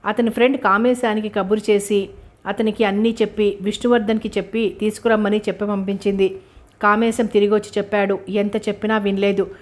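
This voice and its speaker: A woman narrates a novel chapter, reading both the story and the characters' dialogue. Her voice stays flat and level, with little rise or fall in pitch, and moves along at a steady reading pace. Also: fairly quick.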